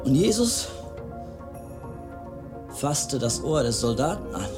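A man playing the disciple James, solemnly retelling a story with sudden loud outbursts. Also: medium pitch, sing-song, takes it slowly. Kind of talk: dramatized biblical narration. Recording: music playing clearly behind. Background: music.

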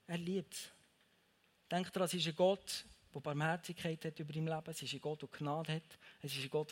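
A young man gives a casual devotional talk, speaking straight to the listener and repeating his phrases for emphasis. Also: fairly high pitch.

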